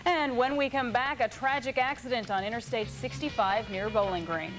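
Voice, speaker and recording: A woman's voice: on the high side, fairly even intonation, moderate pace, music in the background. A woman reading scripted television news as an anchor. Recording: faintly noisy early 1990s TV broadcast.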